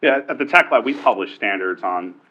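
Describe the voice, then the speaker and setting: A man with a low, deep voice moderates a panel on a conference stage. He keeps it loose and joking and leans on fillers and restarts. The audio is a bit dull, like live-event sound. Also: animated, fairly quick.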